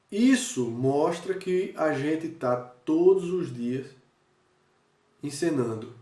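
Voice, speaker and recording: Male teacher, review lesson, checks in with students, fairly high voice, far from the mic. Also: a little mellow. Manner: talks straight to students, checks in with frequent "certo?" and "né?"; demonstrates with gestures and changes of voice. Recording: echoey room, voice from a distance.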